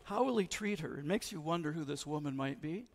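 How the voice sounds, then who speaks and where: High gravelly-voiced man preaching. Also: animated, fairly quick. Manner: conversational, asks the congregation questions. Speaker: pastor. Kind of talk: sermon. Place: church sanctuary. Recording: long church reverb.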